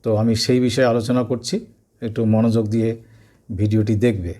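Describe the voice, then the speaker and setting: A man's voice: lowish voice, fairly even intonation, mellow. A man teaching a maths lesson to school students, explaining step by step and repeating key points. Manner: slow, step-by-step explaining with repetitions.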